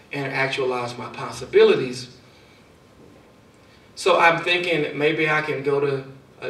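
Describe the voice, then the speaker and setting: A man giving a motivational speech, telling a personal story, his loudness rising and falling for effect. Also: medium pitch. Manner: storytelling with dramatic swings in loudness. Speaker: speaker. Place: large hall. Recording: echoey hall, far from mic.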